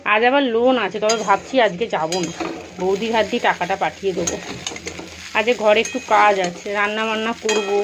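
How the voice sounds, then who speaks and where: A woman's voice: mid-range voice, brisk, noisy background. A woman in her thirties with a Bengali accent, chatting casually to viewers while cooking at home. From India. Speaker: vlogger. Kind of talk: casual home vlog chat. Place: home kitchen.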